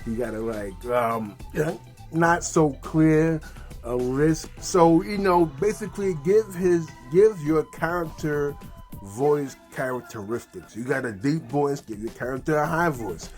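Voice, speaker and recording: A man's voice: a little high, a little slow, a little mellow, faint music behind. Upbeat, slangy ventriloquism teacher man. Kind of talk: casual tutorial.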